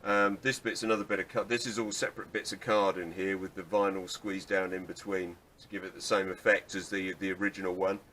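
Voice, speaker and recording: Low-voiced man rambling in his workshop. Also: little pitch movement, brisk, few pauses, fairly bright tone, slight background noise. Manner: rambling, self-deprecating, restarts often. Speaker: car restorer. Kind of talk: casual workshop how-to vlog.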